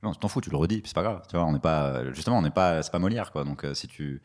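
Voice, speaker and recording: A man's voice: lively intonation, rapid-fire. A man who does stand-up, chatting casually in an interview, slangy and laid-back, rambling as he goes. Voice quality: very deep voice. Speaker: stand-up comedian.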